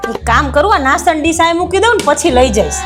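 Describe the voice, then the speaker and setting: A man voicing a fussy, hospitable village housewife who talks loudly and insistently. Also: lively intonation, fast talker, loud music behind the voice. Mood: insistent hosting. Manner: loud, shrill, insistent.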